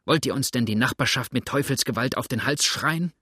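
A man voicing an angry grown man who rages and shouts to quiet a crowd. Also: mid-range voice, fairly quick, husky, no room sound, clean studio sound. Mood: furious. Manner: raging, shouting.

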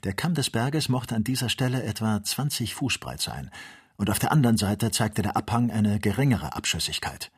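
A male narrator reading an audiobook in a measured, even way. His voice is low and slightly husky, and the delivery stays steady. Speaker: audiobook reader.

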